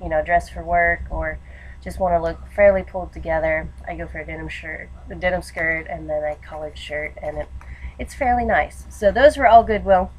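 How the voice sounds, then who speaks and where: An education student in her twenties vlogs a casual haul at a moderate pace, her lowish voice thick with allergy congestion. She records on a webcam or laptop mic at desk distance in a small lamp-lit room at home. The recording is rough, carrying room noise and the sound of a TV.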